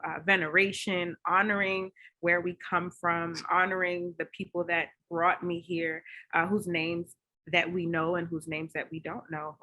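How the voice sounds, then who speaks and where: A woman who practices Reiki and ancestral healing, speaking heartfelt and teary at a workshop. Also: fairly low pitch. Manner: open, heartfelt, soft-spoken. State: teary, emotional. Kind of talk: workshop talk.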